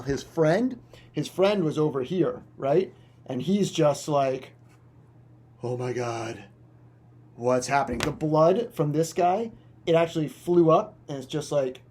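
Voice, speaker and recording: A man's voice: a little high, unhurried, mellow, a little hiss or hum. A male teacher explaining a science concept through a dramatic, playful story full of sound effects. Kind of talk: animated storytelling lesson.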